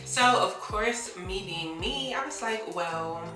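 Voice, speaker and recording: A woman's voice: medium pitch, expressive, slow, bright, forceful tone, echoey room, distant mic, faint music behind. A young woman talking casually to the camera in an upbeat, chatty travel vlog, filmed indoors in a small cabin bathroom. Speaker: vlogger.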